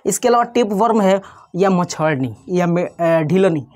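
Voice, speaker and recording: A woman's voice: on the low side, animated, a little slow, darkish tone. Woman teaching a science class. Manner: conversational, poses and answers its own questions, checks in with "ठीक है" often. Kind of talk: explanatory online class lecture.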